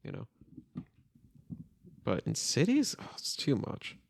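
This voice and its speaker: A man's voice: medium pitch, huge pitch swings, slow, gravelly, husky. A young man co-hosting a podcast, chatting casually and rambling with fillers and laughter. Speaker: podcast co-host. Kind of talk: casual chat.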